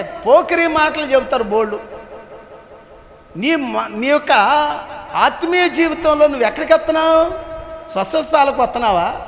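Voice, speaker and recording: A man pastor preaching a sermon in a church hall, telling humorous stories and calling on the congregation to answer him aloud. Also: very high voice. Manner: calls on the congregation to answer aloud, animated and playful. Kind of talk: Telugu sermon with humorous storytelling. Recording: echoey hall with long reverb.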